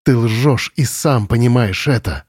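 A man reading the part of a quiet, defiant young woman prisoner of war in an audiobook, speaking calmly and softly. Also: mid-range voice, a little slow, slightly rough, dry recording, studio quality. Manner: calm, soft, steady.

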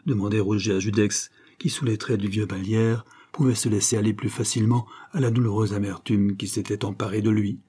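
Low, husky male audiobook narrator. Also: fairly even intonation, mellow. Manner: measured, dramatic reading. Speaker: audiobook reader. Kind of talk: scripted narration of a serial novel.

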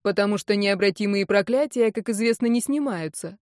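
A woman reading an audiobook, voicing a young male elf friend who scolds loudly and then soothes. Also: medium pitch, fairly quick, dry recording, studio quality, close to an everyday voice. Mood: explaining.

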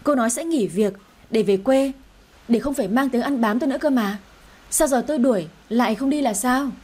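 A woman voicing a stern, quick-tempered older lady of the house who scolds and gives orders. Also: on the high side, darkish tone, breathy edge. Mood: scolding. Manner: scolding, commanding.

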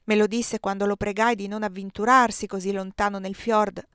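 A woman's voice: medium pitch, level tone, normal speed, fairly bright tone, clean tone, no echo, studio quality, lightly acted. A woman reading the lines of a proud, grieving young woman in an audiobook. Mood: sorrowful.

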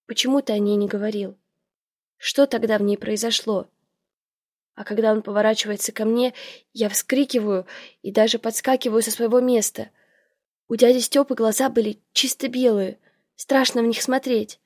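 A woman narrating a first-person novel in a lively, expressive way. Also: on the high side, moderate pace, long pauses, no room sound, studio quality. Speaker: audiobook narrator.

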